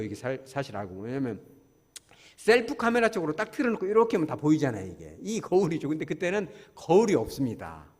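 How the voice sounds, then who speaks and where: Lively folksy male pastor in a hall. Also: fairly high pitch. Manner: folksy, asks the congregation questions. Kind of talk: sermon.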